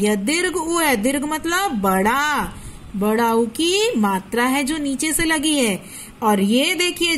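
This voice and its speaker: A woman's voice: high voice, a bit bright, slight background noise. A woman teacher giving a recorded lesson to young schoolchildren. She drills word lists patiently and asks questions that she then answers herself. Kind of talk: recorded online Hindi class for first-graders.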